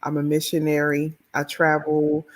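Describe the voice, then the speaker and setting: A woman's voice: deep voice, normal speed. A middle-aged woman from the Washington, D.C. area, an author and educator telling her story in an interview. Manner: expressive, animated storyteller.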